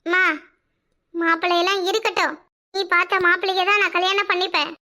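A woman's voice: extremely high pitch, flat delivery, a little fast, bright, forceful tone. A woman voicing a secretive, vengeful young village daughter in a cartoon, with a Kanyakumari Tamil accent and a pleading, resentful manner. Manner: pleading, then cold and resentful. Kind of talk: cartoon voice acting.

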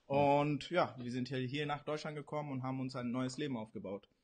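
A man's voice: medium pitch, fairly even intonation, darkish tone. Earnest young man from Pakistan. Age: 20s. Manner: earnest, halting, frequent fillers. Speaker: interview guest, kickboxer. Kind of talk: casual interview answers. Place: indoor room, video call.

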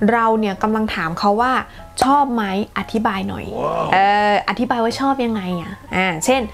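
Chatty lady english teacher, bit high voice, lively, faint music in back. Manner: lively, chatty, mixes English phrases into explanations. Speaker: English teacher and channel host. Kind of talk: casual language lesson.

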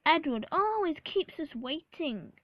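A woman's voice: sits high, sing-song, measured pace, a bit bright, dry recording, pitched above the performer's own voice, full character voice. A woman voicing an impatient, complaining male steam engine with a whiny, grumbling manner.

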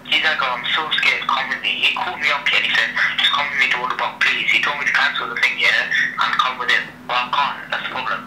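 Speaking fast with few pauses, a young man with a mid-range voice chats over a speakerphone held up in a room. The call is noisy and echoey, and his talk is slangy and repetitive, tagged with "yeah" and "innit".

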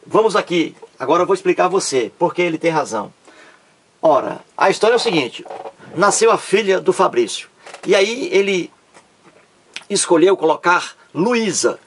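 A man's voice: a little high, husky. A man with a Ceará Brazilian accent teaching a grammar lesson, explaining step by step and repeating his points. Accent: Ceará Brazilian Portuguese.

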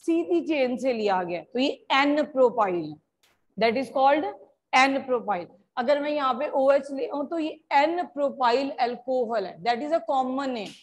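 A woman's voice: high-pitched, expressive. A woman from India teaching a chemistry class, switching between Hindi and English, calling her students "beta" and checking often that they follow. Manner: slow, deliberate explanation. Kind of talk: classroom lecture.

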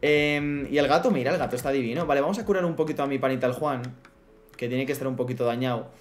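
With soft background music, a man speaks at medium pitch and a quick pace while streaming a block-building game. His casual gameplay talk is chatty and playful, aimed at his viewers and at his in-game pets, including a horse.

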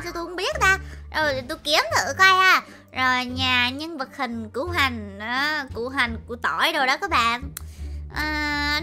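A young woman with a high, bouncy voice narrates a casual game playthrough, exclaiming often and tripping over repeated words. Her pitch swoops widely as she talks. Game music plays clearly underneath. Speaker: gaming YouTuber. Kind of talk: excited let's-play narration.

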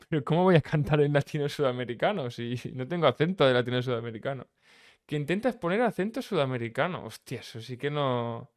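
A young man from Menorca, chatting casually on a live stream as he reacts to a song, relaxed and self-deprecating, chuckling often. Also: medium pitch, gravelly. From Menorca, Spain.

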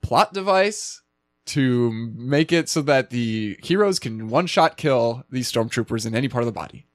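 A man's voice: mid-range voice, lively intonation, moderate pace, no room sound. Chatty man reviewing a film, dry mic. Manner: chatty, laughs often, many fillers. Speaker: podcast co-host. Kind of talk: casual review chat.

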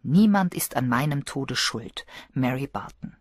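A woman's voice: rumbling low, animated, a little slow, husky, no echo, studio quality, exaggerated voice. A woman voicing a remorseful wealthy woman's farewell letter, grave and solemn, in an audiobook.

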